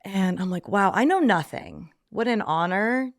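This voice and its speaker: A woman's voice: mid-range voice, animated, a little slow, dry recording, studio quality. A woman guest on a podcast giving a reflective faith testimony, with frequent ums, acting out her own past thoughts in quoted lines.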